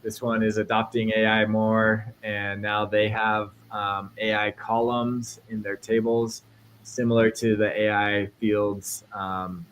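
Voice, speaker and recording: A man hosts a casual tech podcast in a relaxed, easygoing way. His voice sits on the low side. A faint noise runs under his speech. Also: takes it slowly, poor audio. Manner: relaxed, reads sponsor spot. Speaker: podcast host.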